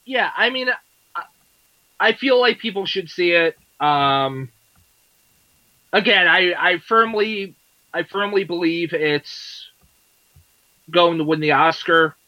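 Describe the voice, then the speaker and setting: A man's voice: high voice, animated, takes it slowly, pauses often, dry recording, lo-fi sound. A man co-hosting a casual movie review podcast, easygoing and agreeable, often trailing off and restarting. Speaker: podcast co-host.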